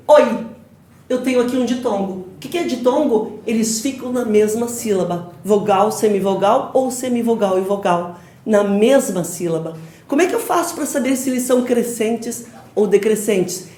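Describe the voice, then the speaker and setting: Drilling a class through exam-prep grammar, a Brazilian woman fires off questions and has students call back the answers. She speaks with a Brazilian Portuguese accent in a slightly high, somewhat mellow voice. The mic sits far away in a classroom full of echo.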